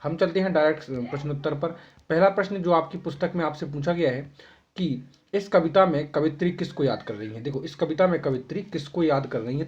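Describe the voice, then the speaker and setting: A young male teacher with a fairly high, somewhat mellow voice goes over homework answers for children. He reads each question aloud, dictates the answer, and keeps checking in with "ठीक है." The sound is dull and lo-fi.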